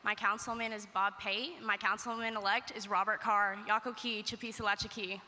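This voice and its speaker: A woman pageant contestant introducing herself formally and in measured tones. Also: medium pitch, little pitch movement, bright, forceful tone, slight background noise. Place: event hall stage. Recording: reverberant hall.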